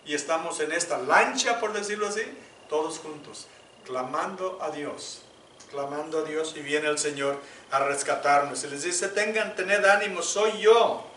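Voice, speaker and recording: Impassioned high-voiced preacher, echoey church. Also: male voice, normal speed, a little hiss or hum. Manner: impassioned preaching, swinging from loud to hushed. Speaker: pastor. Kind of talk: sermon. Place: church sanctuary. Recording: echoey church room, mic at a distance.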